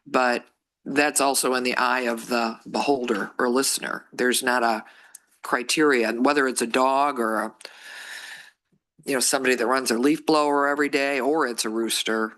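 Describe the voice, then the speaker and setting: Bright-voiced councilman setting the record straight. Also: medium pitch, steady tone, moderate pace. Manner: earnest, clarifying his record. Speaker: council member. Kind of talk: council discussion.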